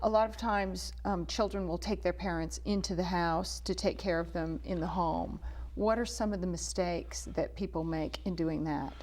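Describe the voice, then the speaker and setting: A woman's voice: lowish voice, moderate pace, a little mellow. A woman hosting an infomercial interview in a conversational, plain-spoken way, prompting a guest with questions. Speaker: interviewer, host.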